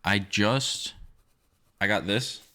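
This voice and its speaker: A man's voice: on the low side, slow, pushed and bright. A man co-hosting a podcast in casual, joking banter with his friend. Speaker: podcast co-host. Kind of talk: casual chat.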